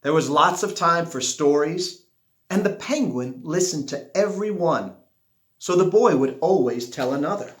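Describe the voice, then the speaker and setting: A man reading a children's picture book aloud expressively, with dramatic pauses and drawn-out words. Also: on the high side, animated. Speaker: storybook reader. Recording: echoey room.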